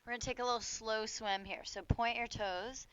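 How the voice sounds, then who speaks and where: A woman instructor guiding a warm-up yoga class outdoors, giving short cues for moves and breath in a casual, playful way. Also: a little high, fairly even intonation, moderate pace, smooth, muffled recording.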